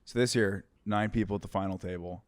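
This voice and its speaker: A man's voice: fairly low pitch, fairly even intonation, a little fast, dry recording. A man co-hosting a casual podcast, joking around and riffing with his co-host. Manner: joking, mock radio-announcer flourishes. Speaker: podcast co-host, stand-up comic.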